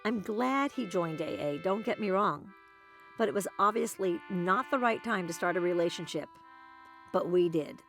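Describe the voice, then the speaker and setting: Woman, documentary narrator, wry dry delivery, scripted, soft music behind. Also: lowish voice, animated, normal speed.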